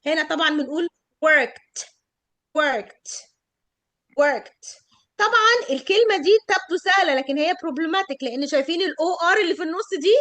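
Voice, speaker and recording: A middle-aged woman with an Egyptian Arabic accent teaching English pronunciation in an online class, stretching out model words slowly. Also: extremely high pitch, bright, forceful tone, dry recording.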